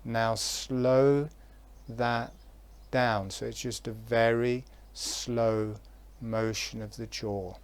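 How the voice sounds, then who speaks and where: A man leads a guided relaxation with long silences between phrases. His mid-range voice is soft and calm, with a clear, resonant tone.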